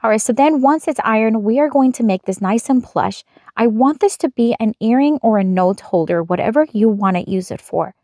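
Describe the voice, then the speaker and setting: A young woman with a fairly high voice talks viewers through a craft project. She keeps her voice-over chatty and upbeat, explaining each step plainly. The sound is close and dry, with no room around it. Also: lively intonation, a little fast, warm tone, no room sound. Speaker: craft channel host.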